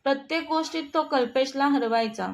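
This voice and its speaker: A woman narrating a romantic short story in a steady, plain reading voice. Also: sits high, a little fast.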